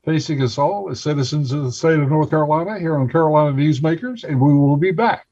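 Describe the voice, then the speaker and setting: A man's voice: on the high side, fast, warm tone. A man hosting a broadcast interview show, heard as a dull recording taped off the radio. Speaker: talk show host.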